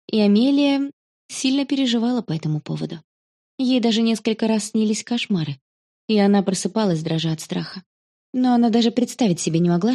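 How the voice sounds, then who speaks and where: A woman narrating a children's story in a calm, even storytelling manner. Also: medium pitch.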